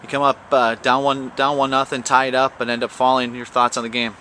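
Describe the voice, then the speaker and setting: Guy asking postgame questions outdoors, bright sharp voice, lots of uh and restarts. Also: mid-range voice, level tone, slight background noise. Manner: halting, with many "uh" restarts. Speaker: interviewer.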